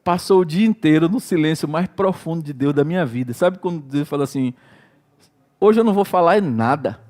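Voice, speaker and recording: Preaching briskly with a darkish tone, a middle-aged Brazilian pastor spins his sermon as a loose story, reenacting his own prayers and exclamations. His voice runs high for a man, and his Brazilian Portuguese accent is plain throughout.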